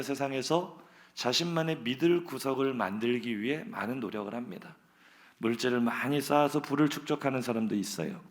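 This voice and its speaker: A man's voice: medium pitch, gravelly. A male pastor giving a sermon, opening with a joke story and speaking in an earnest, conversational way. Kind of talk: sermon with a humorous story opener. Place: church sanctuary.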